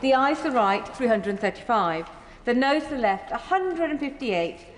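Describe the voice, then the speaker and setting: A British woman speaks as a parliamentary presiding officer, formal and authoritative. Her voice sits fairly high and carries through a large chamber with long reverb and some background noise. She delivers procedural announcements in measured phrases. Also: animated. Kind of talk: formal parliamentary procedure, calling votes and business.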